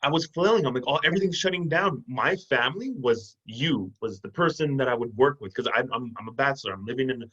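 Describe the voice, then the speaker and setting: A young man in his twenties, a guest telling animated stories with laughs in a casual video call chat. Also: medium pitch, fast talker, few pauses, husky. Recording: dull lo-fi video call audio.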